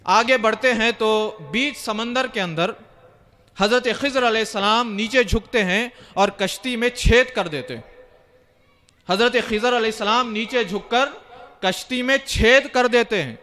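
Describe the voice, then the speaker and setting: A man's voice: high-pitched, sharp tone. A male Islamic preacher from India telling a religious story in a sermon, retelling it vividly and acting out the quoted dialogue.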